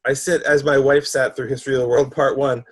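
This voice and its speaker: A man's voice: medium pitch, little pitch movement, brisk. A man chatting on a podcast, candid and dry as he explains why a classic comedy leaves him cold. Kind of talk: casual film discussion.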